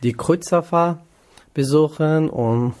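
A young man from northern Iraq, talking in a radio interview. His voice sits a touch higher than most men's. His German is halting, with many pauses and fillers. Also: darkish tone. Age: 20s. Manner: hesitant non-native German with many fillers. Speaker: interviewee, trainee cook.

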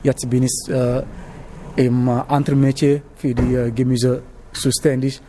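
A young trainee cook originally from Senegal, not a native German speaker but an adult learner of it, is interviewed casually about his apprenticeship. With a warm, level, mid-range voice, he speaks haltingly and pauses often to search for words, and the recording carries a little hiss or hum.

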